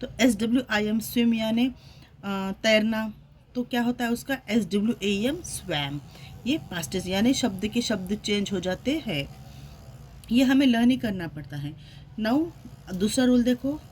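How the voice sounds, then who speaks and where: A woman's voice: medium pitch, slight background noise. Woman teaching grammar, spelling words. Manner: spells words letter by letter and asks rhetorical questions. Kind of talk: classroom-style grammar lesson.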